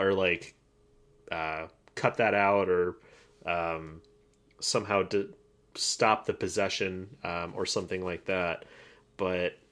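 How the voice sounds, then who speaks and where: A man's voice: sits low, a bit bright. A man co-hosting a casual podcast, rambling and laughing often with plenty of fillers and restarts. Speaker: podcast co-host. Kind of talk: casual chat.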